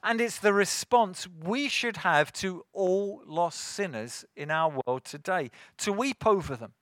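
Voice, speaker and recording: A man preaching a sermon, earnest and rising to forceful emphasis. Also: high-pitched, dry recording, studio quality.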